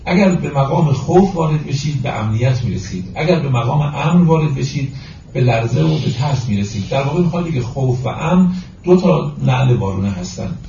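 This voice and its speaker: A man with a mellow, dark voice gives a lecture on classical poetry, chanting verses slowly and then explaining them. He sounds distant from the mic in a roomy space, and the recording is dull and muffled with faint background noise. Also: medium pitch, animated, creaky. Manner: addresses listeners as friends.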